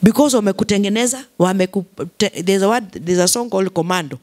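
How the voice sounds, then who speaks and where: A woman's voice: mid-range voice, fast, darkish tone. A Kenyan woman pastor preaching a sermon, repeating key phrases, mixing English with Swahili and calling for responses from the congregation.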